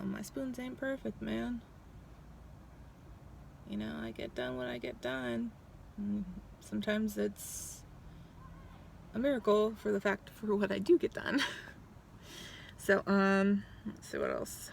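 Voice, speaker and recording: This is a casual, rambling vlog from a woman in her 30s standing outside a doctor's office. Her medium-pitched voice is creaky, she's blunt, swears freely and fills gaps with ums, and a faint hiss or hum runs under the recording.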